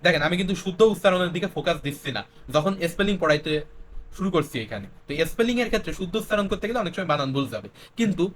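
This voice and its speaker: A young teacher from Bangladesh runs an exam-prep spelling lesson, spelling words out letter by letter and constantly asking questions to reinforce each point. His voice is high, light, and expressive, and he speaks at a racing pace.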